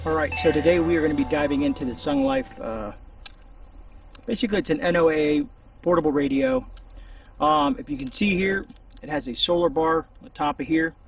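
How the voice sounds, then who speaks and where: Fairly quick and very animated, this man's high-sitting, gravelly voice carries his casual, unscripted gear review, delivered to camera in a rambling way. Soft music plays in the background, and a distant mic in a shaded outdoor spot picks up faint outdoor noise.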